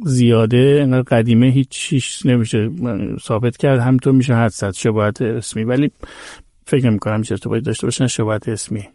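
A man's voice: mid-range voice, steady tone, mellow, no echo, studio quality. A man answering questions as a guest expert on a podcast, explaining carefully and hedging his claims. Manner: measured, explanatory, cautious about claims. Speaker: guest expert on old Persian epic. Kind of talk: podcast conversation.

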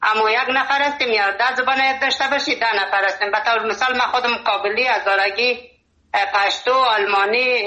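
A man's voice: high-pitched, bright, forceful tone. A man from Kabul with a Kabuli Dari accent, calling a radio phone-in and speaking politely in a flowery way, full of fillers. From Kabul, Afghanistan. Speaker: radio caller. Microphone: phone line into a radio studio. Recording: lo-fi roomy phone line.

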